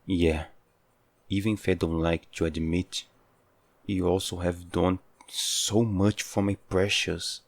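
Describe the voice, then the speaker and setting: Man acting a deep, gravelly, obsessive yandere man. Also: little pitch movement, takes it slowly, no echo, heavily acted. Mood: brooding devotion. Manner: yandere, intense pleading devotion. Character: obsessive, hot-headed yandere man, lovesick and possessive. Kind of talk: dramatic audio role-play.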